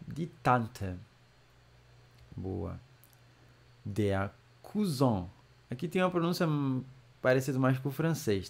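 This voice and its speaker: Slow, gravelly man teaching. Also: medium pitch, darkish tone. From Brazil. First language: Portuguese. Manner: slow, drawn-out model pronunciation with chatty asides. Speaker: German teacher. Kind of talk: casual language lesson.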